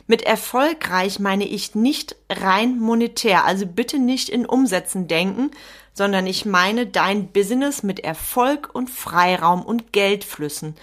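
A woman's voice: medium pitch, a bit bright. A woman coach speaks in a solo podcast monologue. She addresses the listener directly, with a blunt and emphatic manner. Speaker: business coach.

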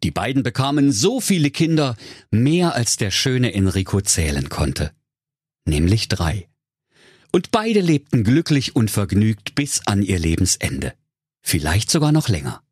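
Brief: male storyteller, husky voice with wide swings, dry sound. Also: on the low side, sing-song, unhurried, darkish tone, no echo. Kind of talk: comic fairy-tale reading.

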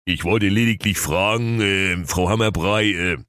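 A man's voice: low-pitched, measured pace, a bit bright, no room sound, studio quality. A man voicing a smug, bumbling young suitor, the prince of a comic fairy tale.

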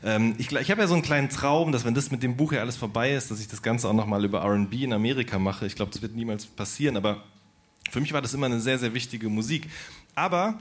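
Relaxed man asking questions. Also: medium pitch, quick pace. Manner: relaxed, asks questions, talks with fillers like "ähm". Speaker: author and host of the reading. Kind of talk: casual chat on a live stage.

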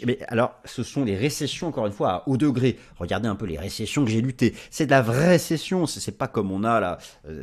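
A man giving market commentary over charts, lively and emphatic, with frequent restarts and asides. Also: lowish voice, slightly rough. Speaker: market analyst presenting forex video.

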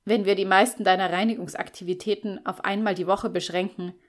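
A moody young man who grumbles and gives in reluctantly, read by a woman in an audiobook. His lines come short and curt, barely lower than the reader's own voice. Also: steady tone, brisk, natural voice. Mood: grumpy. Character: grumpy, easily irritated young male flatmate.

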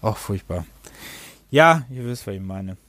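A man's voice: on the low side, expressive, measured pace, fairly bright tone, no room sound. A man hosting a casual game review podcast, rambling and often tripping over his words and correcting himself. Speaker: podcast host.

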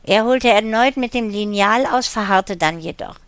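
A woman narrating a thriller audiobook in an even, steady reading. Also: mid-range voice, normal speed, clean tone, dry recording. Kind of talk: scripted narration.

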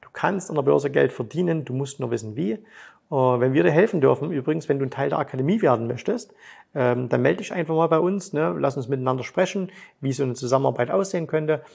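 A man's voice: mid-range voice, fast talker, vocal fry, darkish tone, husky. A man hosting a trading podcast, talking in a chatty, eager way and often tagging his sentences with a questioning "ne". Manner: enthusiastic, with sound effects like "bumm" and "brrrt". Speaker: trading coach and podcast host. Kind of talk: casual podcast monologue.

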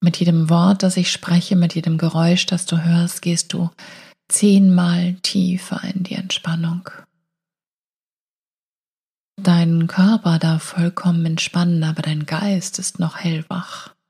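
A woman guiding a hypnotic meditation in a slow, soothing hypnotist voice, breathy and often falling near a whisper, with long pauses. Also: fairly low pitch, flat delivery, a little mellow. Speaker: meditation guide and show host.

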